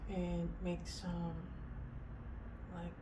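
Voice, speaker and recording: Woman, painting tutor, casual and halting, slow delivery, echoey room. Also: on the low side, noisy background. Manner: relaxed, halting, thinking aloud while painting. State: breathing heavily. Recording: echoey room with faint ambience.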